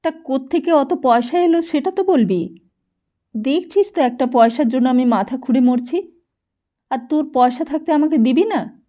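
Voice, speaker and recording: Woman voicing a pleading poor mother, high and anxious. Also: moderate pace, mellow, highs cut off, close to an everyday voice. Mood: scolding. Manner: pleading, raised scolding voice.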